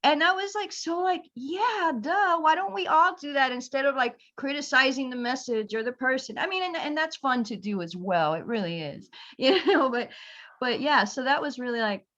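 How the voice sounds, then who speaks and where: A woman's voice: high-pitched, moderate pace. A woman talking as a guest in a casual conversation, rambling, laughing and acting out quotes with energy. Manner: rambling, laughing, animated quoting. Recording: slightly dull lo-fi audio.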